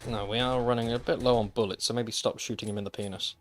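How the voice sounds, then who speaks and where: A man talks fast in a medium-pitched voice with fairly even intonation, streaming a survival game. He chats casually with his viewers and offers dry, wry asides, and a desk microphone captures this gameplay commentary.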